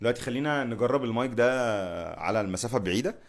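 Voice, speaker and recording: A man's voice: mid-range voice, lively intonation, rapid-fire, slight background noise. A man with an Egyptian accent doing a casual, chatty gear review, repeating himself and talking to the people filming him. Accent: Egyptian Arabic. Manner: chatty, repeats himself, talks to the camera crew. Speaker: tech vlogger.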